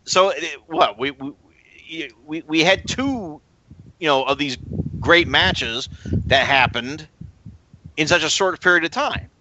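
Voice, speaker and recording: A man co-hosting a casual podcast chat, talking in halting bursts full of stammers and restarts. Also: on the high side, animated, background noise. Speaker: podcast co-host.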